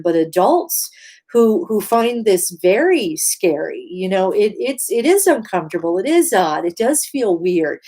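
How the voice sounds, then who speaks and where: A woman speaking earnestly through a face mask, giving emphatic, measured advice straight to her listeners in an instructional talk. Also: medium pitch, darkish tone. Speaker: host giving mental health advice.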